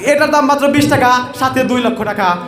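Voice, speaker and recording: A man plays a spoof quack-medicine hawker with an extremely high voice and repetitive sales patter. It is a comic stage advertisement in an echoey hall with some audience noise. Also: fairly quick, a crowd in the background. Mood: huckstering. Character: parody street-hawker pitchman selling quack herbal cures. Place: echoey room or hall at a madrasa event.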